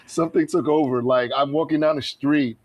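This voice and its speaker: A man co-hosting a sports talk show, chatting casually and excitedly with lots of fillers. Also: on the high side, fairly quick, no room sound, low-quality recording. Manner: animated, laughs often, many fillers. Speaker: podcast co-host.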